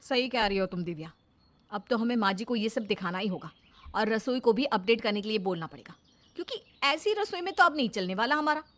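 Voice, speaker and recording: A woman's voice: fairly high pitch, animated, a little fast, close to an everyday voice. A woman voicing an exasperated young daughter-in-law who complains in a cartoon story. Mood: complaining.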